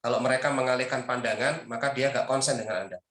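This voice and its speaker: A man's voice: mid-range voice, fairly even intonation, quick pace, a bit bright. A male religious teacher gives a parenting lecture, working through his advice point by point. He keeps asking rhetorical questions and then answering them himself. His voice has a roomy echo around it.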